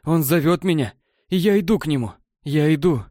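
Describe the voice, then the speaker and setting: A man's voice: on the high side, lively intonation, moderate pace, mellow, no echo, studio quality, pitched above the performer's own voice, natural voice. Man voicing a shrieking fanatic elf stalker. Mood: entranced. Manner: shrieking, screaming threats. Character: frenzied long-haired male elf stalker, fanatic.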